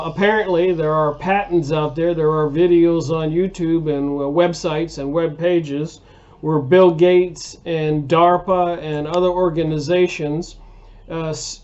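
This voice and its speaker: A man's voice: fairly high pitch, a little mellow, highs cut off. A man hosting a casual book review monologue, rambling and hesitant with many fillers and restarts. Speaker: video host reviewing books.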